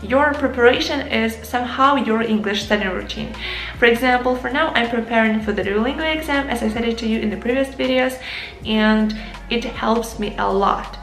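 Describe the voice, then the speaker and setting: Talking to camera in a roomy, echoing space with faint music behind her, a young Ukrainian-native woman earnestly teaches English and addresses her audience as "guys." She speaks at a moderate pace in a slightly high, somewhat bright voice.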